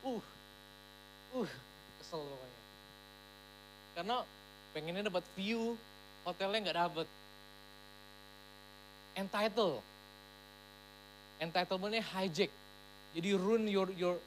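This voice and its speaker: A woman pastor giving a sermon at a church service in a lively, emphatic way, slipping English phrases into her talk. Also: on the low side, a little slow, long pauses, a little hiss or hum, poor audio.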